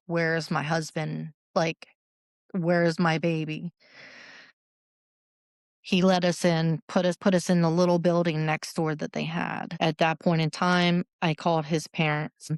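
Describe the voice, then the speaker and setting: A middle-aged woman, a podcast guest, telling a painful personal story in a halting way, restarting and repeating phrases. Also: low voice, clear, resonant tone, dry recording, studio quality.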